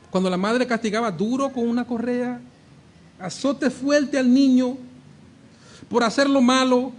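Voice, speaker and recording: A male pastor preaches in a strikingly high voice. He acts out the voices he quotes, drops to a hush, then rises to a shout. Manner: animated preaching, acting out quoted voices, shifting between hushed and shouted. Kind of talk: sermon.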